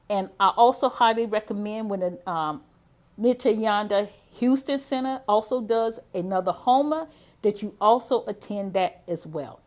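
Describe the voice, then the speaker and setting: A woman telling a personal story to camera in an excited, gushing way, laughing often and exclaiming as she goes. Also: on the high side. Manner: gushing, breathless enthusiasm, laughs often, repeats "oh my gosh". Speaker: vlogger sharing a personal testimonial.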